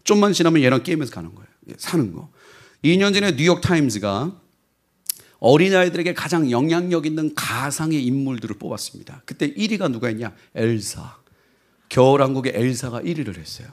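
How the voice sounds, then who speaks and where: A middle-aged man preaching a sermon, animated and rising to fervent, shouted passages. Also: mid-range voice, fairly quick.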